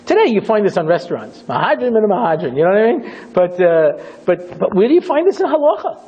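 Animated husky rabbi storytelling. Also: male voice, sits high, fast. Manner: dramatic, theatrical, acts out scenes. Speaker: rabbi teaching a class. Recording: dull lo-fi recording.

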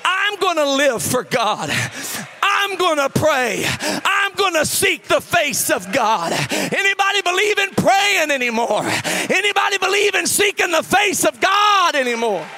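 Man in his forties, preacher, very high bright voice, shouting and half-singing, soft confiding stretches. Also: sing-song, unhurried, soft background music. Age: 40s. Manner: drops to soft, low confiding tones. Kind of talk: sermon.

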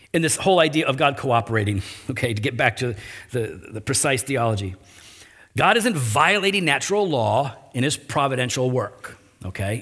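A man preaching a sermon as pastor, animated and conversational, with his voice rising for emphasis and quick asides. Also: medium pitch.

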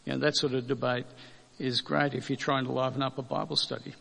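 A man preaching a sermon in a conversational way, asking rhetorical questions and slowing down to stress key words. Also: medium pitch, level tone, vocal fry, pushed and bright, slightly rough, big-room sound.

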